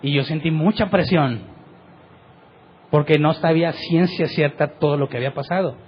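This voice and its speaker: A man's voice: fairly high pitch, normal speed, highs cut off, slight background noise. A middle-aged man gives a sermon as pastor, telling a personal story vividly and often tagging his sentences with a question. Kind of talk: sermon testimony.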